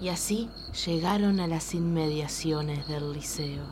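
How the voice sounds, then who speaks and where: A woman's voice: low voice, a little slow, heavy background noise. A woman narrating a radio comedy sketch.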